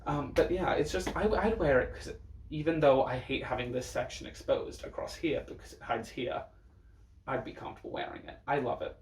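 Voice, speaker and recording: In a brisk, mid-range voice, a man with a campy drag-queen manner gives blunt, casual takes on looks. A little hiss or hum and a roomy echo come from the distant mic.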